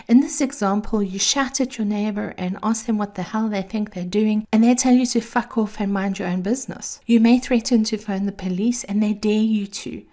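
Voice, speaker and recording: A woman delivers a scripted piece of encouragement like a femme fatale, sultry and intimate. Her sweet voice is dark and mellow, with plenty of fry in it. She speaks as a host addressing her listeners closely. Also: medium pitch. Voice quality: sweet, creaky. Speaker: host of a daily encouragement series. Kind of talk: scripted motivational monologue.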